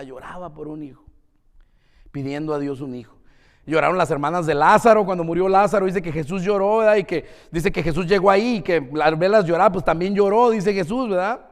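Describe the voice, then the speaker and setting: A man preaching a sermon as pastor, lively and engaging, often asking the congregation questions. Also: high-pitched, in a large hall. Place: church.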